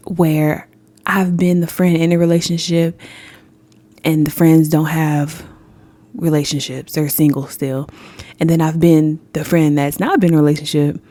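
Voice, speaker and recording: Young woman podcast host; casual, blunt, profane, laughs easily; warm low voice, dry recording. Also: no room sound. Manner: candid, swears freely, laughs often, addresses listeners as y'all.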